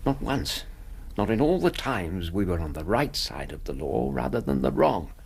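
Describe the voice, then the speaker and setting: An English actor playing an earnest, troubled doctor and loyal companion in a radio drama, husky-voiced. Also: male voice, sits low, very animated, normal speed, full character voice. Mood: confessional. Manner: earnest, hesitant.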